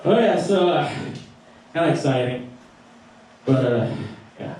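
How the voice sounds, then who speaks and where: On the high side and expressive, slightly slow and a little mellow, this young man's voice carries a Filipino accent as he does profane stand-up on a small record store stage. A comedian from the Philippines, he laughs at his own jokes; the live recording is distant and roomy, with slight background noise.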